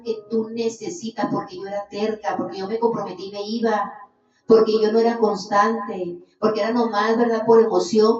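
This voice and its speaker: A woman giving an earnest religious testimony as a podcast guest, warmly calling the listener "little brother". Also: medium pitch. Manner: earnest, calls listener "hermanito". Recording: echoey, distant, dull lo-fi sound.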